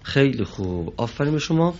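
A man's voice: medium pitch, sing-song, a little mellow, muffled recording. A man teaching a Quran reading class, patient and formally polite, saying letter sounds for his students to repeat. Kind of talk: classroom instruction.

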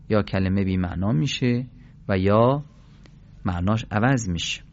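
Man teaching pronunciation, slow and deliberate. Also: on the low side, a little mellow, highs cut off. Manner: slow, deliberate, drawn-out syllable chanting. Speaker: Quran recitation teacher. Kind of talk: pronunciation lesson with drills.

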